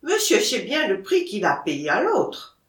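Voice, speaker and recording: A woman's voice: medium pitch, huge pitch swings, a little slow, fairly bright tone, echoey room. A woman reading the lines of a young male monkey seller who haggles plaintively, in an audiobook. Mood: haggling.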